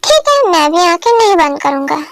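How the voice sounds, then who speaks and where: A woman's voice: very high voice, big pitch swings, a little fast, dry recording, clean studio sound, exaggerated voice. A woman doing a teasing, clingy young man. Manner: playful, coaxing.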